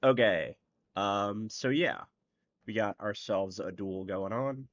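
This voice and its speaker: A man's voice: lowish voice, lively intonation, slow, fairly bright tone, no room sound, dull audio. A man hosting an online card tournament, talking through each play in a rambling, casual way with lots of fillers. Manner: rambling, filler-heavy, explains plays as he goes. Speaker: tournament host and commentator. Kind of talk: casual live-stream commentary.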